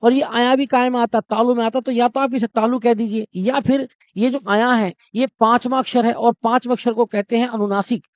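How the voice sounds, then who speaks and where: A man's voice: very high-pitched, fairly even intonation, brisk, hardly any pauses, dry recording. A man teaching a Hindi exam-prep lesson, explaining step by step, asking his own questions and answering them, and calling his students brother and friends. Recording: dry, dull lo-fi sound.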